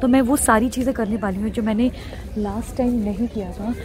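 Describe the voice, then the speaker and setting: A young Indian woman with an Indian English accent vlogging in casual, excitable chat as she walks through a snowy city, mixing Hindi and English. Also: fairly high pitch, brisk, a crowd in the background. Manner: chatty, excitable, talks while walking. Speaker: travel vlogger.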